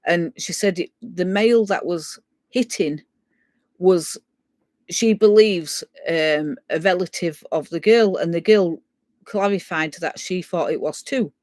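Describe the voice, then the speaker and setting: A woman tells a ghost story in a casual way, often clearing her throat and acting out the voices of the people she quotes. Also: fairly low pitch, a little slow, darkish tone, dry recording. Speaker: guest storyteller.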